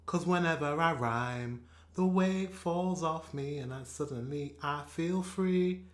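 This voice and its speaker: A man from England with a British accent, reacting to a song in a casual, excitable way and swearing and laughing often. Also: on the high side, slow pace, echoey room. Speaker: reaction video host. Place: room at home with a shelf behind him.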